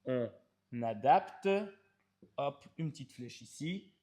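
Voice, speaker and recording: Slow, emphatic fitness coach. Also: male voice, mid-range voice, expressive, warm tone. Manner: emphatic, addresses the viewer informally, stretches key words. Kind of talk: explaining training to camera.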